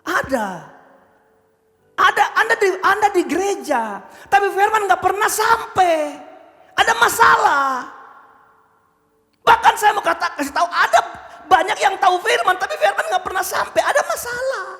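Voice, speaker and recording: A man preaching a sermon, acting out the characters in his stories with loud, animated shouts and asking the congregation questions. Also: extremely high pitch, normal speed. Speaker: pastor. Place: church. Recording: church hall reverb.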